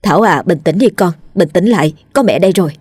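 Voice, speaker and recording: A woman's voice: lowish voice, expressive, fast talker, a little mellow, breathy edge, no room sound, studio quality. A woman voicing an anxious middle-aged mother in a spoken ghost story, fretful and pleading. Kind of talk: storytelling role voice.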